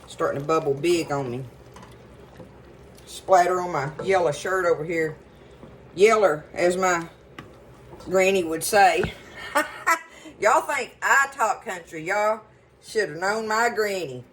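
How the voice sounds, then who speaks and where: A woman's voice: fairly low pitch, a little slow, a bit bright, a little hiss or hum, rough recording. A woman hosting a casual cooking video in her home kitchen, chatting folksily and rambling into stories as she cooks. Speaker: cooking show host.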